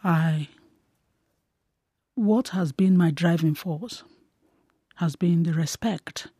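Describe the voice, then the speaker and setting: A Nigerian woman, a human rights defender, speaking earnestly and in pain, in measured phrases. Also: lowish voice, warm tone, husky, no echo, clean studio sound. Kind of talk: emotional radio call-in comment.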